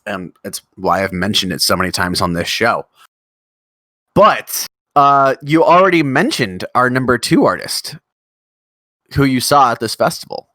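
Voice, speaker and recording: Casual co-host: guy, mid-pitched, chatty and excitable, close dry mic. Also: a little slow, dry recording. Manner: enthusiastic, rambling, swears casually. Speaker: podcast co-host. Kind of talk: casual chat.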